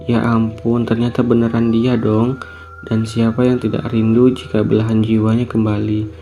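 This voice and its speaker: A man calmly narrating a true horror story in a subdued, reflective way. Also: lowish voice, normal speed, slight background noise.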